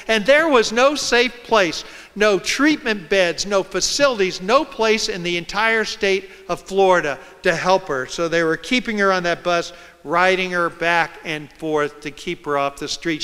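A man's voice: high-pitched, normal speed, sharp tone, clean tone. A man, a reporter, telling stories to an audience in a dramatic lecture style. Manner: dramatic, acts out scenes and quotes. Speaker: reporter giving a public talk. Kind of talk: storytelling lecture. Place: large lecture hall. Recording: reverberant hall.

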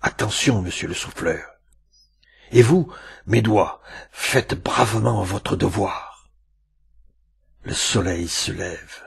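A man narrating a classic tale aloud with a dramatic, storytelling delivery and many pauses. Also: on the low side, gravelly, slightly rough.

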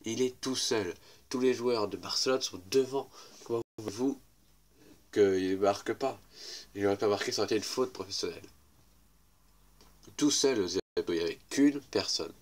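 A YouTuber with a cold comments casually on football match highlights in a low, congested, weak voice. He talks at a moderate pace with long pauses, rambling and repeatedly saying "regardez" and "voilà."

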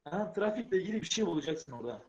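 A man's voice: high-pitched, sing-song, very fast. A man on a voice call, patiently walking a friend through router settings. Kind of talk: casual tech help. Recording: dull lo-fi voice call.

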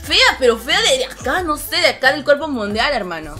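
A woman's voice: big pitch swings, sharp tone, faint music behind. A young woman chatting casually on a live game stream, greeting viewers by name and reading their comments, her voice a little strained. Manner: ends phrases with a low, drawn-out "hermano". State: voice strained, rough.

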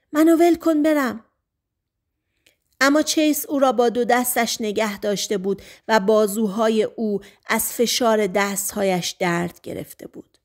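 Woman narrating an audiobook dramatically. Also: medium pitch. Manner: dramatic, hushed at tense moments. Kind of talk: scripted narration.

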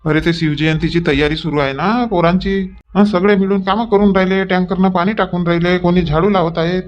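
A man, acting in a rustic comedy sketch and shouting quick repeated orders. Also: high voice, steady tone. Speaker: comic actor in a village sketch. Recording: dull lo-fi recording.

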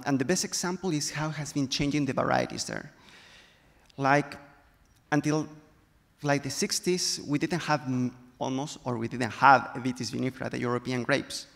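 A man in his thirties, a native Spanish speaker with a Chilean accent, speaks as a viticulture specialist on a panel. His medium-pitched voice is creaky, and he explains things carefully, choosing his words in his second language. He holds a handheld mic on stage in a large hall, and a long hall reverb trails his speech.

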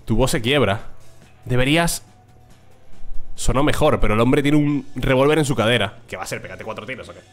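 A man's voice: mid-range voice, quick pace, few pauses, soft background music. A young man with a Spain accent, a gaming streamer who reads a visual novel aloud and jokes crudely between lines. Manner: joking, crude, laughs often.

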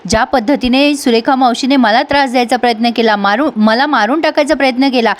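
A woman's voice: on the high side, quick pace, close to an everyday voice. A woman voicing a determined, good-hearted young village woman who speaks earnestly. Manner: earnest, resolute.

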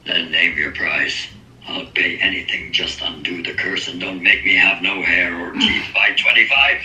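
A man's voice: low voice, moderate pace, pushed and bright. A synthetic man's voice playing a vain, touchy young female pop star who talks back indignantly, played back over a speaker. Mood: desperate. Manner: indignant, defensive. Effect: synthetic text-to-speech voice. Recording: echoey speaker playback, faint music.

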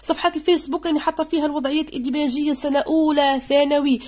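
A woman teaching English to secondary students in Algerian Arabic, going through an exam and reading out English words slowly, again and again. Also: sits high, flat delivery, darkish tone. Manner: explains in dialect, reads English slowly and repeats words.

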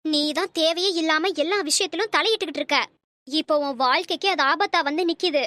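Stern cartoon mother, lectures and scolds, high and bright. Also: quick pace, no room sound. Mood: scolding. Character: worried middle-aged mother, stern and threatening.

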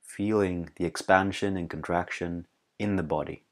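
A man with a deep voice leads a guided meditation as a teacher, calm and unhurried, pausing between short, soothing phrases.

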